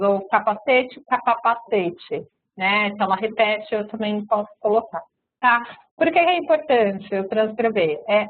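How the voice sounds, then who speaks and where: Woman lecturing over tinny web audio. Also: on the high side. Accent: Brazilian Portuguese. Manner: explanatory, frequent fillers and tag questions. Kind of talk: recorded web-conference lecture. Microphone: web conference microphone.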